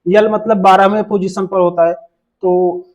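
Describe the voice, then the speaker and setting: A man with a very high voice teaches an exam-prep class. He throws the same question out twice and then answers it himself in a lower voice, and he works in playful memory tricks. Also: level tone, unhurried, darkish tone. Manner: drills students with repeated questions and answers; jokey memory tricks, drops pitch on answers.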